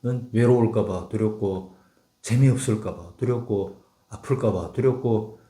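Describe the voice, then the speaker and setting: A man's voice: fairly low pitch, measured pace, dark tone. An older man from Gyeongsang with a Gyeongsang accent, speaking tersely and bluntly in a casual talk with his wife. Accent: Gyeongsang Korean. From Gyeongsang province, Korea. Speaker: husband in a couple's talk. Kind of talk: casual chat. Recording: roomy echo.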